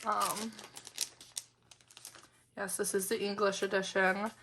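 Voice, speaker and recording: This woman, a planner vlogger, talks slowly in a medium-pitched, fairly bright voice that barely rises or falls, with a little background noise. Still getting over an illness, she sounds a bit rough and strange. She's cheerful and giggly during the unboxing, using many fillers.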